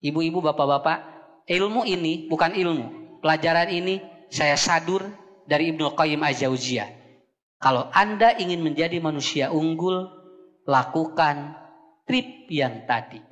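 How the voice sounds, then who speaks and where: A man's voice: fairly high pitch, unhurried, pauses often, a bit bright, faint music behind. A man with a Sundanese accent giving a humorous sermon, joking with the congregation and switching between two languages. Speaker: preacher. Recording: long hall reverb.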